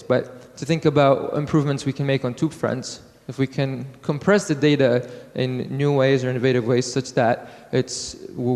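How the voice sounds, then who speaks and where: A man from Iraq giving a technical conference talk, halting with fillers and restarts. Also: medium pitch, a little mellow. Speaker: conference speaker. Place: conference hall. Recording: hall with long reverb.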